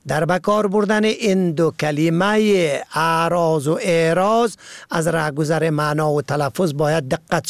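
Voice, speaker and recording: High-voiced man. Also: dry recording, studio quality. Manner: measured, spells out words letter by letter. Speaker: language teacher. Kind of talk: scripted vocabulary and usage lesson.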